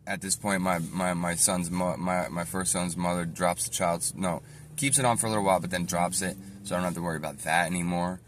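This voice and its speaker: A man with a very deep, low voice tells his own story in an unscripted, meandering way. He stops to correct himself, backs up and fills gaps with "um". A faint hum of noise runs under him. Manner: rambling, halting, with frequent fillers and self-corrections. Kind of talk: casual spoken storytime.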